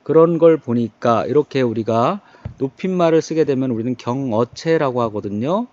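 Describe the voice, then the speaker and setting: A man's voice: mid-range voice, normal speed, a little mellow, dry recording. A man teaching a poetry lesson. He poses rhetorical questions, answers them himself and slips into casual banter. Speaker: literature teacher. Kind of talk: online lecture on poetry. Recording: dull, dry lo-fi recording.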